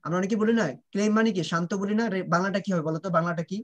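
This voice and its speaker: A man's voice: high-pitched, rapid-fire, lo-fi sound. A man teaching children pronunciation in an online class. He drills sounds and keeps asking whether the students understand, switching between Bengali and English.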